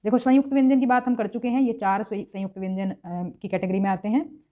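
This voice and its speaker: A woman with a fairly high, level voice, heard through narrow, tinny audio, gives a classroom-style grammar lesson. She patiently spells out sounds one at a time, repeating them slowly to show how they're pronounced.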